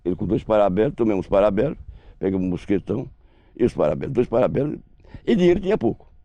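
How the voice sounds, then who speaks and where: An older man, recounting what he saw in quick, halting bursts full of restarts. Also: lowish voice, very animated, vocal fry, dark tone, muffled recording. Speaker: eyewitness interviewee. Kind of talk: storytelling recollection. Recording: roomy echo.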